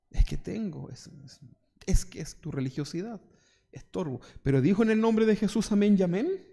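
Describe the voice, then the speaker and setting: A male pastor with a Chilean Spanish accent and a slightly high, creaky, mellow voice delivers a conversational sermon. He peppers it with rhetorical questions and mocking asides, putting on mock voices as he goes.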